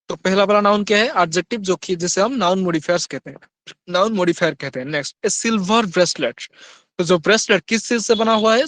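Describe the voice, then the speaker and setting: A man teaching grammar in Hindi, reading examples slowly and then asking his students quick questions. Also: sits high, a bit bright, no echo. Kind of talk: Hindi-English grammar lesson.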